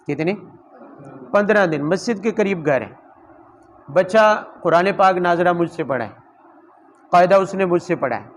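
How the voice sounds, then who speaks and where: High-voiced preacher. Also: male voice, a little hiss or hum, poor audio. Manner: conversational, with rhetorical questions and personal anecdotes. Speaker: Quran teacher and imam. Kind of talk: Urdu Quran commentary sermon.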